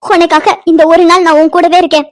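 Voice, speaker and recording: A woman voicing a gentle motherly woman. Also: very high-pitched, level tone, brisk. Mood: tender. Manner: soothing, affectionate. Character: caring motherly older woman, gentle but firm. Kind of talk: cartoon voice acting.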